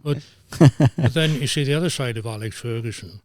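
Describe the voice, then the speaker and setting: A man's voice: mid-range voice, moderate pace, no echo, studio quality. Older man telling stories. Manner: lively raconteur, slips into voices for quotes. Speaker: former football referee, guest. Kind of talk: anecdotal storytelling.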